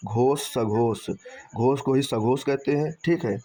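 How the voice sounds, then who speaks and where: Taking it slowly, a man with a mellow, medium-pitched voice teaches Hindi grammar online. He repeats points, asks and answers his own questions, checks in with "theek hai," and stretches syllables when spelling sounds, captured on a dull, muffled lo-fi recording.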